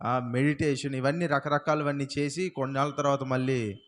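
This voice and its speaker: A male pastor preaches with a medium-pitched, level, slightly bright voice at a moderate pace. He fires rhetorical questions at the congregation and punctuates his points with repeated hallelujahs.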